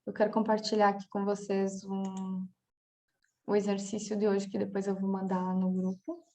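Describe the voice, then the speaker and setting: A woman's voice: medium pitch, flat delivery, moderate pace, warm tone. A woman with a Brazilian Portuguese accent, a coach giving a casual spoken lesson that she works through with examples and frequent "tá?" checks. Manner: talks through examples, with many filler checks like "tá?". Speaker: coach teaching a class.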